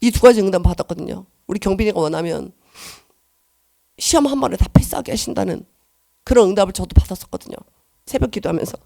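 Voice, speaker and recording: A middle-aged woman giving an emotional church testimony, earnest and shifting between soft and loud. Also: mid-range voice, quick pace, gravelly, pauses often, dry recording, studio quality.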